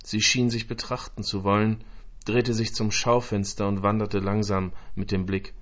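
Measured man reading a story aloud. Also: on the low side, level tone, fairly bright tone, dull audio. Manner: slow, measured, emotive with long pauses. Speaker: narrator.

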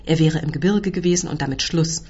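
A woman reading aloud as a loud, self-pitying Polish uncle who rants and bellows. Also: sits low, fairly quick, husky. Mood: pleading. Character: loud desperate middle-aged Polish uncle, man. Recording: dull lo-fi recording.

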